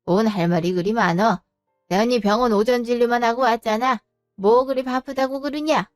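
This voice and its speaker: A woman's voice: fairly high pitch, normal speed, no echo, studio quality, soft background music, lightly acted. A woman voicing a blunt, scolding older mother in an audio drama story. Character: sharp-tongued older mother-in-law.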